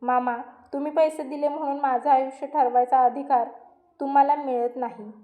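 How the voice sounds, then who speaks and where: A woman's voice: high-pitched, steady tone, normal speed, dark tone, natural voice. A woman voicing a young woman who speaks firmly and resolutely. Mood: defiant. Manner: firm, resolute. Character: young woman, finally standing up for herself. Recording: roomy echo.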